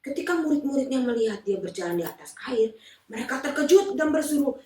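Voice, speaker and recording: A woman telling a Bible story to children with lively, animated delivery and a voice that climbs and dips widely. Her fairly high voice echoes through a roomy church space. The mic picks her up from a distance. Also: quick pace. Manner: lively and animated, addressing kids. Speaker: children's Sunday school teacher.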